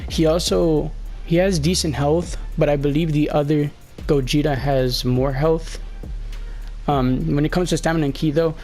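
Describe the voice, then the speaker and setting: With faint music behind him, a young man narrates gameplay at a normal speed, his voice on the high side, steady in tone and somewhat dark. Slightly sick and losing his voice, he delivers a casual walkthrough that meanders, with hesitations and lots of fillers.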